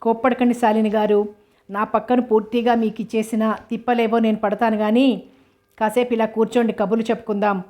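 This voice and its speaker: A woman's voice: a little high, little pitch movement, brisk, dark tone, natural voice. Woman reading a playful young bachelor. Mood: friendly. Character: teasing young man Sarma, playful bachelor.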